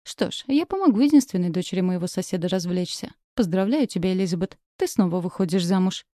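A sarcastic, commanding young nobleman from a romance audiobook, as a woman narrator reads his lines. The voice is dark and mellow, recorded close and dry. He talks down to the listener with cold mockery. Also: on the low side, lively intonation, quick pace, no room sound, natural voice. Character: arrogant angry young male duke.

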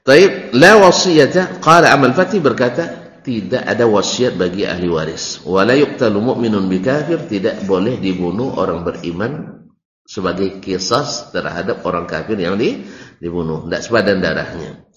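A male preacher with a Malay accent leads a sermon-style study lecture, animated, with teasing asides and sudden high leaps on key words. His voice rings through a large echoey hall with a long tail. The recording sounds dull and muffled. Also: normal speed, a little hiss or hum. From Malay region of Indonesia. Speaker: preacher teaching a classical text.

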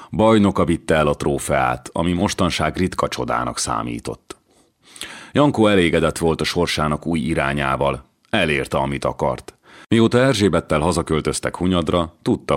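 Brief: male audiobook reader, measured and low, very dry studio. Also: dry recording. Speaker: audiobook narrator. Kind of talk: scripted historical novel narration.

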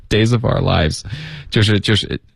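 Brief: male radio tutor, deep voice, dry studio sound, slow drilled phrases with frequent OKs. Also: gravelly, husky, no echo. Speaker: English pronunciation teacher. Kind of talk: radio English lesson, mixing Chinese and English.

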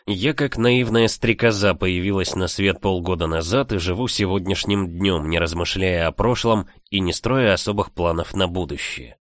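Low-voiced man reading an audiobook. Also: moderate pace, few pauses, dry recording, clean studio sound. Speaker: audiobook reader. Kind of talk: scripted first-person narration.

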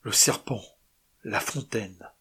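A man reading a story aloud, voicing a frightened, guilt-ridden naval lieutenant with a husky voice and tense, haunted speech. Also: fairly low pitch, slow pace, bright, forceful tone, pitched below the performer's own voice, heavily acted. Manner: tense, haunted murmurs and outbursts. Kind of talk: audiobook character voice.

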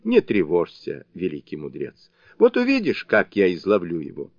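A man's voice: deep voice, huge pitch swings, moderate pace, darkish tone, no room sound, heavily acted. Narrator guy voicing a cocky young heaven warrior prince, declaiming, dull lo-fi audio. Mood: confident. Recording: dull lo-fi dry recording.

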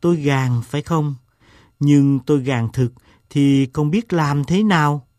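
A man reading a story aloud, voicing an eccentric, self-mocking gentleman who tells a long tale in a slow, deliberate way. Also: on the high side, no room sound, studio quality, natural voice. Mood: wry.

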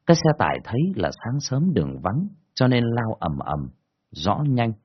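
A man telling a first-person ghost story in a colloquial, earthy, expressive way, in a dull lo-fi recording. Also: on the low side, normal speed, breathy edge.

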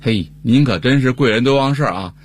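A man's voice: medium pitch, a little fast. A man co-hosting a comedy show, telling a funny story in scripted banter. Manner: comic storytelling, acting out a neighbor's lines. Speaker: co-host.

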